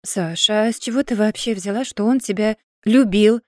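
A woman's voice: mid-range voice, normal speed, dark tone, dry recording, clean studio sound, close to an everyday voice. A woman voicing a stern, patient older brother in an audiobook, talking firmly and lecturing. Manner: firm, lecturing.

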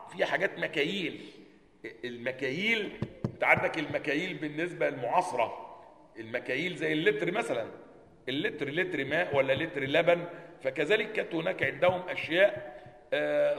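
A man with an Egyptian accent teaching a religious lesson, animated, asking his listeners questions and answering them himself. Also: on the high side, a little hiss or hum. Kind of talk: classroom lesson explaining a hadith text. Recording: echoey hall with long reverb.

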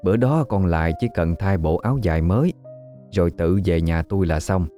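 A man's voice: low-pitched, a little fast, mellow, soft background music, lightly acted. A man voicing a scheming, domineering older village woman in a spoken ghost story. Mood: falsely polite.

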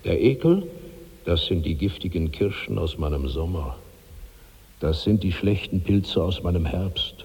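A man's voice: sits low, expressive, a little slow, husky, in a large hall, exaggerated voice. Karnak, a huge ravenous old man. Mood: exalted. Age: 60s. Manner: brooding, swings into loud cries. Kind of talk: 1960s radio drama acting.

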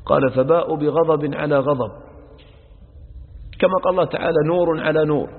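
A man's voice: on the high side, fairly quick. A male sheikh gives a religious lesson on Quran verses. He repeats each verse phrase and explains it word by word, and he speaks to his listeners as brothers. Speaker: sheikh teaching Quran exegesis. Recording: echoey hall over a narrow phone-like line.

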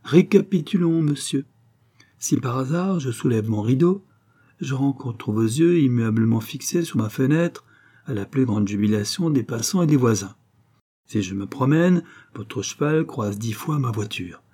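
A man's voice: mid-range voice, expressive, unhurried, mellow. A man voicing a haughty, cutting aristocratic lady. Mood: mocking. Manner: cold, mocking, imperious.

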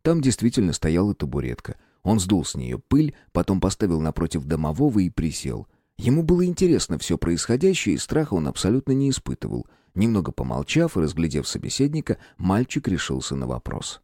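Low dark male voice reading a storybook, lively intonation, dry close mic. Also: no echo. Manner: measured storytelling. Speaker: audiobook narrator. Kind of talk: scripted narration.

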